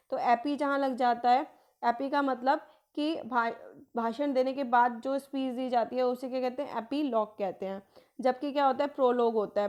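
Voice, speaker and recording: Higher-pitched woman teaching word meanings. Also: a little mellow. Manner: asks and answers her own questions, repeats key words; mixes in English phrases, slowing to read them out. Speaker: exam prep teacher. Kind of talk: explanatory lesson.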